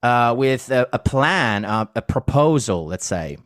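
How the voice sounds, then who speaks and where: A man's voice: mid-range voice, lively intonation, unhurried, fairly bright tone. Italian-accented man hosting with enthusiasm. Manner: enthusiastic, laughs often, mixes in Italian. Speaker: podcast host. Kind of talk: casual interview chat.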